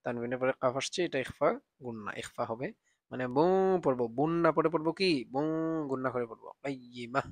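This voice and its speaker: A male Quran teacher works through the text one letter at a time, naming each vowel mark before joining the syllables. His voice sits at an ordinary pitch for a man. Between the spelling he lifts into slow, drawn-out recitation. The sound is dry and close. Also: steady tone, dry recording. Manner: spells letters and vowel marks step by step, then chants the verse slowly.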